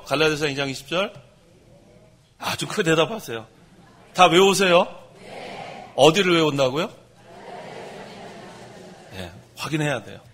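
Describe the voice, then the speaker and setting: A male pastor giving a lively, direct sermon, speaking straight to his congregation with touches of dry humor. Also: a little high.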